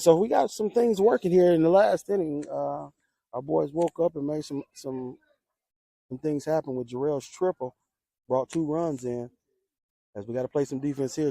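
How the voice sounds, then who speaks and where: Excitable man calling a school baseball game. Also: mid-range voice, no room sound. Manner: excitable, rises sharply on big plays. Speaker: play-by-play announcer for a school team. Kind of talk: homer play-by-play commentary. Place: ballpark.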